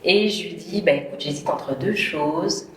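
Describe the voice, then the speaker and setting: A woman's voice: low-pitched, a little slow, reverberant, recorded from a distance, a little hiss or hum. A woman from Paris, in her thirties, chatting casually as an interview guest, laughing often and filling with hesitations. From Paris, France. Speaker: entrepreneur guest.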